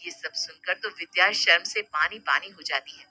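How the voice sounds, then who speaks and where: Brief: woman narrator, bright and crisp, steady storytelling, dry booth sound. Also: on the low side, normal speed, no room sound.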